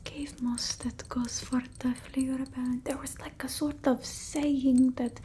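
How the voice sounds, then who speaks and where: For a whispered ASMR roleplay, a woman portrays a quirky, forgetful vampire lady who brews potions from old-world folk remedies, in a put-on Eastern European accent. Her high voice is breathy and whispery yet dark-toned and level, as she muses forgetfully in slow, halting, rambling mutters. There's slight background noise.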